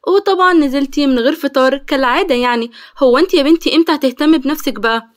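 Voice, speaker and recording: Voicing a sensible young female student, a woman in an Egyptian Arabic accent fusses over a friend and scolds her gently in a story. She has a high, natural voice and talks at a racing pace.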